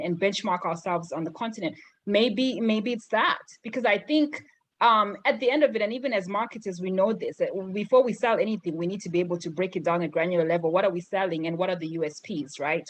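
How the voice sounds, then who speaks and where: A woman's voice: mid-range voice, poor audio. A woman marketer on a webinar panel who speaks thoughtfully, searching for words and hedging her points.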